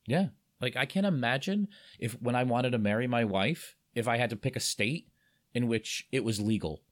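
A man in his thirties hosting a casual podcast chat, talking in halting bursts full of restarts and fillers. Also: medium pitch. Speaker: podcast host.

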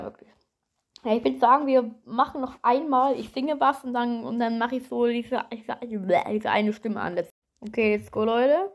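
Higher-voiced young-sounding woman, informal chat. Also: darkish tone. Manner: informal, slangy, giggly. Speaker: podcast host. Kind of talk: casual rambling chat to followers.

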